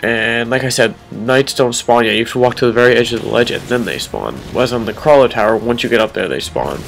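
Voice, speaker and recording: A young man with a nasal voice giving relaxed speedrun commentary, explaining as he plays. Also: mid-range voice, fast talker, gravelly, faint music behind. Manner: relaxed, explanatory, frequent ums. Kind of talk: casual gameplay commentary.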